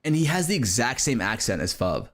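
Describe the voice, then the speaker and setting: A man's voice: medium pitch, big pitch swings, brisk, fairly bright tone. A man streaming a game live, chatting casually, cursing and joking while he reads out chat messages.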